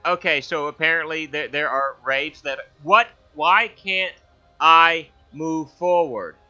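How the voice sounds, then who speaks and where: Over faint background music, a man plays a game and rambles slowly for his gaming channel, frequently stammering and restarting. His tone is sharp and his pitch leans high. A headset gaming mic produces a dull, lo-fi recording.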